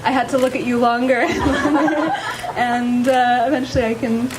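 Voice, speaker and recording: A woman saying her wedding vows as a bride, halting, giggly and emotional, at a live ceremony. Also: a little high, fairly even intonation. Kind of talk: personal wedding vows spoken to partner. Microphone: handheld or shared event microphone. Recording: live ceremony with audience noise.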